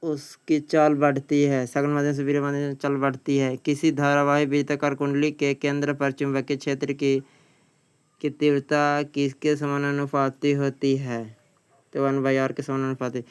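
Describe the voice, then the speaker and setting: In an exam-coaching session, a man teaches by reading quiz questions and then their answers. He sounds strikingly clean and smooth, a touch high-pitched, with scarcely any melody, plain-spoken and given to repeating a phrase.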